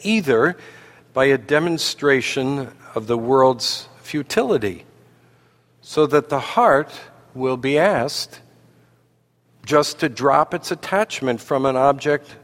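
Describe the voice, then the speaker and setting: A man preaching a sermon, slow and deliberate, with dramatic pauses. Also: medium pitch. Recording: long hall reverb.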